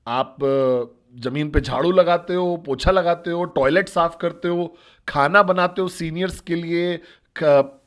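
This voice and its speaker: A man telling a story in a motivational talk as a network marketing trainer, speaking directly and asking the listeners questions. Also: a little high.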